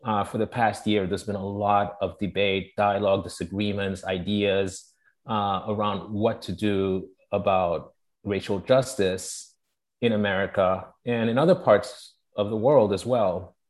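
Low-voiced man moderating a panel. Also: fairly even intonation, measured pace. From Togo. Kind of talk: introducing an online forum discussion.

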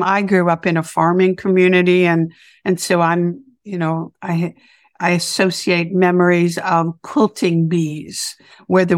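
A woman interviewing a guest, with a raspy morning voice, affirming and searching for words as she talks. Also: fairly low pitch, no echo, clean studio sound. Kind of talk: interview conversation.

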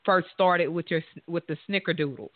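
A woman's voice: fairly low pitch, brisk, no echo. A woman hosting a radio interview, enthusiastic and often restarting her sentences. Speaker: radio show host. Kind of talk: casual interview. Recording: thin phone-line sound, dry.

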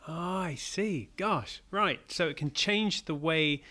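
Bright-voiced, curious male interview host. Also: on the high side, slow pace. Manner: encouraging, curious, many short backchannels.

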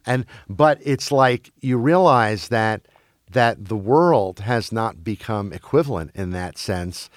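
A man's voice: lowish voice, lively intonation, slow, no echo, clean studio sound. A man who grew up in Belgium, talking casually about film and streaming, with many restarts and fillers.

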